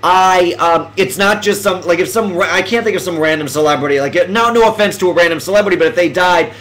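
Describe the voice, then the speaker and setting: A man with a high, light voice hosts a casual live stream, talking to viewers. He rambles and restarts his sentences, jumping from excitement to emotional reflection. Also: fast, a little hiss or hum, rough recording. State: emotional, close to tears.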